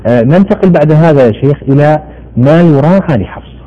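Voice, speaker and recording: Very fast-talking male TV host. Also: on the high side, lively intonation, dull audio. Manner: constant short affirmations, prompting questions. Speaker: TV program host. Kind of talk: interviewing a scholar.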